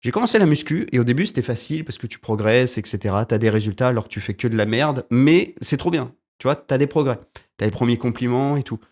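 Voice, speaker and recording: A man's voice: mid-range voice, animated, fast, darkish tone. Young guy talking into a desk mic at home, casual rambling solo podcast, lots of restarts. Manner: rambling, self-correcting, frequent hesitations. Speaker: podcast host.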